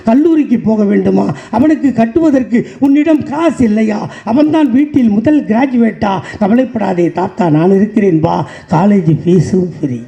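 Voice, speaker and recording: Male political speaker, high but mellow voice, delivers a stage speech in mocking rhythmic refrains, on a dull lo-fi recording. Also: moderate pace, creaky. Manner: rhythmic sarcastic refrains, rising to shouts.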